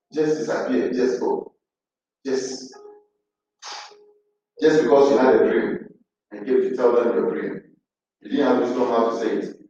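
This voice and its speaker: Animated preacher man in an echoing room. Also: high-pitched. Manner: animated, acts out quoted pleas and retorts. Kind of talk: sermon. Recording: echoey, dull sound from a distant mic.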